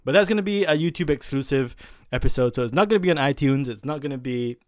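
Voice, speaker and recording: Smooth-voiced podcast host. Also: male voice, mid-range voice, animated, quick pace, no echo, studio quality. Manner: rambling, with many fillers and self-corrections. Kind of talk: casual podcast chat.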